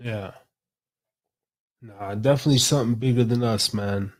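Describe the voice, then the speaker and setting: Rambling excitable man on a late-night podcast. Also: medium pitch, normal speed. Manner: rambling, excitable, swears freely, says bro a lot. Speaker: podcast host. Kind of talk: late-night casual chat.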